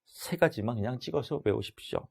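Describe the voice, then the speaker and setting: Loud, animated middle-aged male lecturer. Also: mid-range voice, fairly quick, creaky, husky. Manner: loud, animated, acts out dialogues. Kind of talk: exam-prep lecture.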